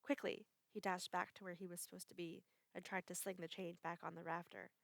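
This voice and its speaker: Woman, dramatic story narration, measured, expressive, gravelly low voice. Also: dry recording. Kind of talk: dramatic reading of a short story.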